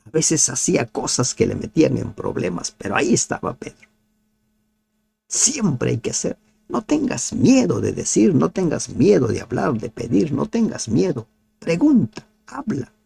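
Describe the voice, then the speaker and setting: A man giving a devotional Bible commentary, asking his listeners rhetorical questions and dropping to soft, nearly whispered pleas. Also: on the high side, very animated, normal speed, gravelly, breathy edge. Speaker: Bible teacher.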